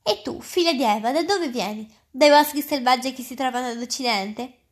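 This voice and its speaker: A woman's voice: sits high, normal speed, lightly acted. A woman reading the lines of a polite, nervous male faun in a storybook, courteous and a little flustered. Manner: courteous, eager, slightly flustered. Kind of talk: reading aloud.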